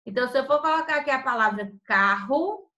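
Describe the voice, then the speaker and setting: A woman teacher giving a grammar lesson, spelling out sounds slowly and then explaining quickly. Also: high voice, lively intonation, sharp tone, reverberant, poor audio.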